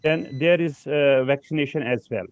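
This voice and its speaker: Halting man lecturing over a video call. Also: medium pitch, no room sound. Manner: halting, many fillers and restarts. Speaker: lecturer on pollen allergy. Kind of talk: online slide lecture. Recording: slightly dull video call audio.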